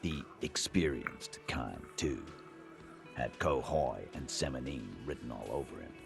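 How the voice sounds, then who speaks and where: Gravelly, menacing dockworker boss. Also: male voice, a bass voice, lively intonation, a little slow, full character voice. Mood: grim. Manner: hostile, threatening, swearing. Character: gruff menacing male dockworker union boss. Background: game music.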